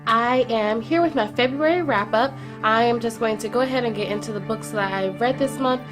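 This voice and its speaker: With music playing in the background, a young woman briskly talks through her monthly book wrap-up in a fairly high voice. She's a book vlogger with a bit of cold congestion, using frequent "um"s and repeating words for emphasis.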